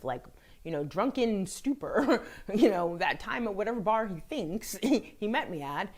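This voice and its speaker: A woman from France hosting her own video blog, telling a personal dating story in a candid, chatty way with blunt swearing. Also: mid-range voice. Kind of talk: casual storytelling monologue.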